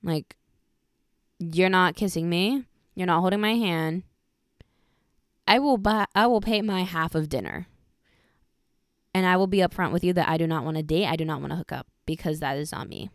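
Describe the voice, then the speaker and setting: A woman's voice: fairly low pitch, moderate pace, pauses often, dry recording, clean studio sound. A woman in her twenties hosting a podcast, chatting casually and giggling as she talks about her life. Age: 20s. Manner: chatty, giggly, animated storytelling. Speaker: podcast host. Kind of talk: casual chat.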